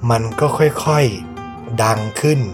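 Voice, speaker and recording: A man's voice: mid-range voice, slow, music in the background. Thai man telling a ghost story. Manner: suspenseful, conversational storytelling with polite particles. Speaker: podcast host.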